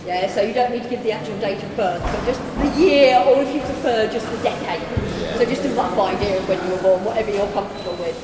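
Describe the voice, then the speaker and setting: A woman leading a group session, giving careful, gentle instructions. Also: mid-range voice, fast, hardly any pauses, loud music behind the voice. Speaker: session facilitator. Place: day centre room. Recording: distant voice in an echoey hall with crowd noise.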